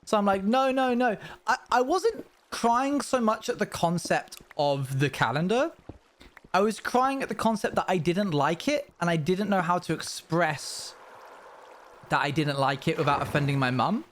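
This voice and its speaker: A man's voice: high-pitched, lively intonation, normal speed, fairly bright tone, a little hiss or hum. A young man streaming live, telling rambling stories to his viewers with self-aware asides. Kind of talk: casual chat with viewers.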